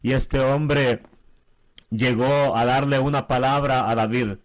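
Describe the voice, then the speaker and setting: A man co-hosting a Bible teaching with his wife, speaking slowly and warmly addressing his listeners as brothers. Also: medium pitch, fairly even intonation. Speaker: pastor.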